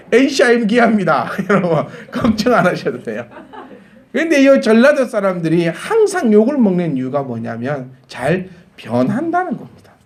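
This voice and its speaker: A man, a pastor with a Gyeongsang accent, preaching a Sunday sermon to his congregation, building to emphatic peaks and joking along the way. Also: sits high. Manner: animated, rising to emphatic peaks, laughs with the congregation. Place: church sanctuary.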